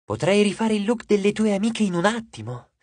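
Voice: mid-range voice, sing-song, brisk, darkish tone, slightly rough, dry recording, pitched above the performer's own voice. A reader voicing a vain, gushing goddess of love. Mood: gushing, condescending. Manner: gushing, condescending, theatrical. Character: vain, glamorous goddess of love, adult female. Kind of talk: audiobook character voice.

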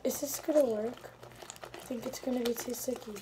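A fairly high-voiced young female vlogger rambles to her viewers from her bedroom, tossing in little apologies as she goes. Crinkling and clicking sounds sit clearly behind her voice. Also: steady tone, a little fast, heavy background noise. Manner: rambling, chatty, apologetic asides. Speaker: slime vlogger. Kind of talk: casual vlog chat to viewers.

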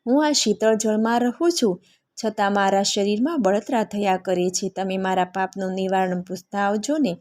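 A suffering crocodile from a devotional storybook, begging a traveller for help, as a woman narrator tells it. It is told plainly, in a gentle storytelling voice. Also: medium pitch, normal speed, close to an everyday voice. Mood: pleading. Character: suffering crocodile in a cool lake.

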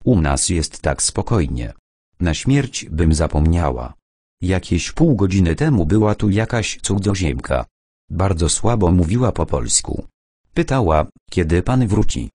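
A man's voice: sits low, very animated, measured pace, mellow, slightly rough, no echo, exaggerated voice. A man reading the lines of a flustered village landlady who talks in a worried, disbelieving way. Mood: shocked. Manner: shocked, fretful.

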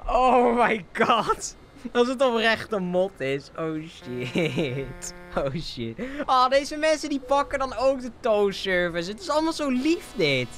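An excitable streamer gives live gameplay commentary, laughing often and sprinkling in English slang. His voice is mid-range and his pace slow, with faint music playing behind him.

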